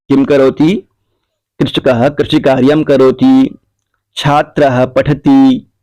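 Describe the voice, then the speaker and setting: A man teaching a classroom grammar lesson, slowly repeating and dictating the answers to exercises. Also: mid-range voice, darkish tone, no echo.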